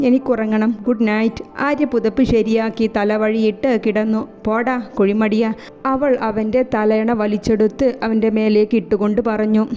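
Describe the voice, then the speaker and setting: Woman narrator for a serialized romance, voicing every character herself, warm dark tone. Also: a little high, clear, resonant tone. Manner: reads every character's dialogue in her own voice. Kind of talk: storybook narration. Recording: soft music behind.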